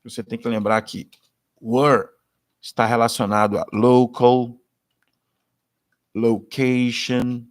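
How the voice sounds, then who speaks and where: Man, Brazilian accent, English teacher, slow deliberate drills, mid-pitched voice. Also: little pitch movement. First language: Portuguese. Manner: slow, deliberate model sentences. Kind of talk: pronunciation lesson with repeat-after-me drills.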